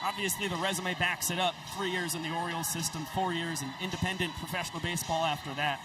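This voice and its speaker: High-pitched male baseball play-by-play broadcaster. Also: fairly even intonation, fast, far from the mic, heavy background noise. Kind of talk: sports play-by-play commentary.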